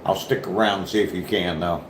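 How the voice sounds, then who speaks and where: Here a livestream host with a low voice keeps a steady tone as he loosely chats and goes through viewer comments. His southern Ohio accent is light, tinged with Appalachia, and he speaks at an unhurried pace, trailing off gently. Behind him there's an echoey room and a soft hum.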